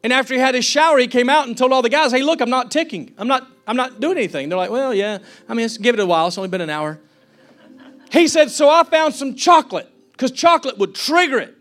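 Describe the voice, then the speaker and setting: A man's voice: very high-pitched, animated, fast, fairly bright tone. A man preaching a fervent sermon as a pastor, acting out the people he quotes.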